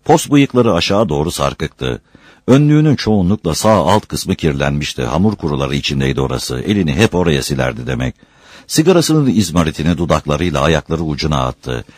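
A male storyteller reads an old village tale aloud with a deep voice that rises and falls freely. The reading is unhurried and expressive, and it is recorded close and dry, with no room sound. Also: no echo. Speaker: narrator.

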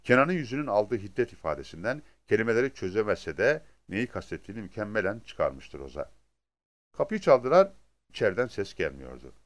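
A man reading a crime novel aloud as scripted narration, in a dramatic, expressive way. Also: on the low side, fairly quick. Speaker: audiobook narrator.

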